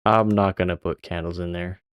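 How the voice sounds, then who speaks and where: Here the Swedish gamer's voice is deep and steady at a moderate pace, clean and free of echo, though the recording sounds muffled. He chats casually on stream, swearing plenty and laughing at his own jokes.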